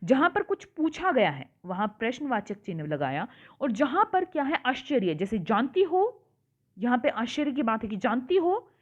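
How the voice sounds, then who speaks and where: Lively tinny-sounding woman teacher. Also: a little high, normal speed. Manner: explains patiently, repeats and asks the class questions. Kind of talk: online worksheet lesson for children.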